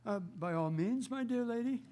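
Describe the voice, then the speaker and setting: An actor playing a mild, gentlemanly doctor in a radio drama, courteous, hesitant and easily puzzled. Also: male voice, very high voice, animated, normal speed. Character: mild, puzzled, amazed male doctor, detective's gentlemanly companion. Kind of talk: theatrical radio drama acting.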